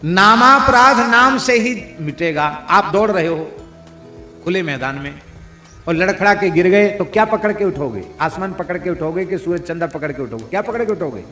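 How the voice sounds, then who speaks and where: A man's voice: a little high, animated, normal speed, a bit bright. A man giving a devotional sermon as a spiritual teacher, preaching unhurriedly, asking rhetorical questions and reciting verses. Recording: echoey hall with faint music.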